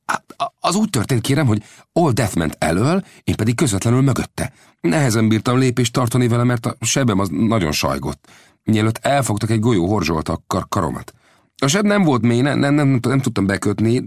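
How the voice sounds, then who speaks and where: A man's voice: mid-range voice, sing-song, no echo, clean studio sound, voice pushed up. A man voicing a stammering eager young man. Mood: eager excited. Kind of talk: audiobook character voice.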